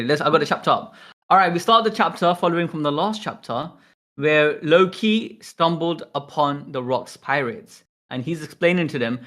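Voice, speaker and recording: A man hosting a livestream, chatting casually and reading along, excitable, repeating himself and stumbling over words. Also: on the high side, vocal fry. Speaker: livestream host. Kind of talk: casual chat and manga read-along.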